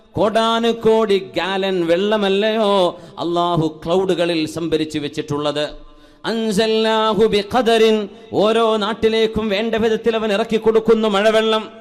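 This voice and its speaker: A man preaching a sermon who chants Arabic verses slowly in a sung recitation and drops to quiet questions for the audience. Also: sits high. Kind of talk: Islamic sermon.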